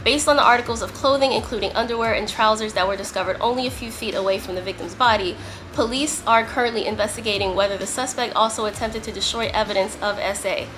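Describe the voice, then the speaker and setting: A woman vlogger with a medium-pitched voice talks quickly and emphatically to camera, sounding slightly strained and congested as she gets over a lingering cough. She sits for a casual chat, reading some parts aloud, and there's noise in the background.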